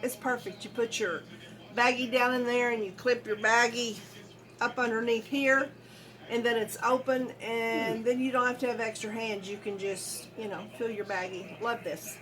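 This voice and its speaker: A woman's voice: fairly high pitch, fairly even intonation, moderate pace, a crowd in the background. A middle-aged or older woman, chatting casually and folksily to viewers as she demonstrates home cooking. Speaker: home cook vlogger.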